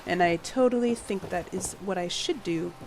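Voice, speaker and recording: A woman who hosts a game-building channel chats casually while playing, apologizing often and laughing a lot. Slightly husky from a fading cold, she sounds tired and late-night, speaking in a lowish voice at a moderate pace into a home voice mic with background noise.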